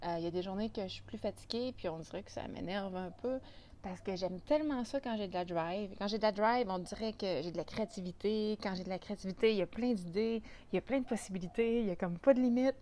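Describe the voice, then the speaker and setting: Quebec French woman, chatty vlogger, mid-pitched voice, faint noise behind. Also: quick pace, warm tone. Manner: chatty, with many restarts and fillers. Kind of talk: casual talk to camera.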